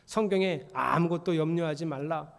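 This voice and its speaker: A male pastor preaching a sermon in a church, swinging between loud exclamations and hushed, whispered lines. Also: fairly high pitch, normal speed, creaky. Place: church sanctuary. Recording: long reverb of a church hall.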